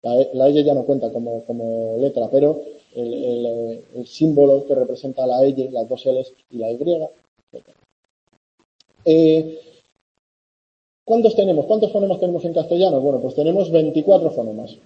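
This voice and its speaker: A man from giving a university lecture in a conversational way, often checking in with students and filling pauses. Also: mid-range voice, dull audio. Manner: conversational, with many fillers and "¿vale?" checks. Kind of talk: classroom lecture.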